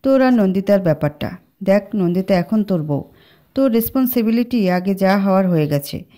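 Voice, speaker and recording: A calm, caring young male friend from a spoken storybook, voiced by a woman. He reasons in a cool, even tone. The voice is mellow and dark. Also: mid-range voice, fairly quick, lightly acted.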